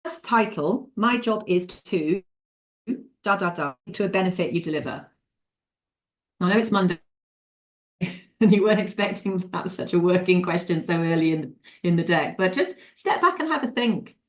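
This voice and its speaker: A woman's voice: fairly low pitch, animated, moderate pace. A woman mentoring leaders in an interactive webinar, speaking over a video call, laughing often and calling on participants by name.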